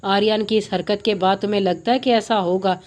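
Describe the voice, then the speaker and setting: Woman doing a proud young husband, pushy and desperate, flat delivery, storybook reading. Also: medium pitch, a little fast, lightly acted. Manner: commanding, desperate. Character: proud young husband, angry then helpless.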